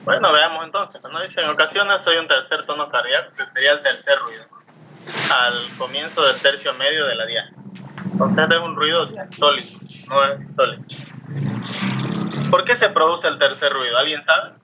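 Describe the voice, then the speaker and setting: Speaking at normal speed in a fairly high voice, a male teacher lectures his class with step-by-step explanations. He keeps asking the students questions and often adds "¿no?", captured on a muffled lo-fi mic with faint noise.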